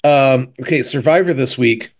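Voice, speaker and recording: Male co-host, mid-pitch, chatty and rambling, casual TV recap talk. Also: normal speed. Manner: rambling, lots of fillers, animated retelling. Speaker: podcast co-host. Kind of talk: casual chat about TV shows.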